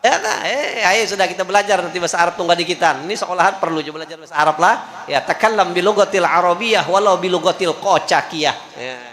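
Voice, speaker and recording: A man's voice: high voice, quick pace, fairly bright tone. A man preaching, telling a story in a sermon with a jovial manner, laughing often and checking in with the audience. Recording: echoey hall.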